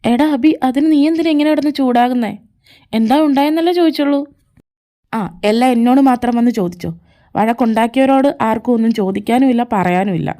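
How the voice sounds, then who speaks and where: A woman with a somewhat high, dark-toned voice performs every character in a fan fiction audio drama, shifting among arguing, teasing and pleading. Faint music plays in the background.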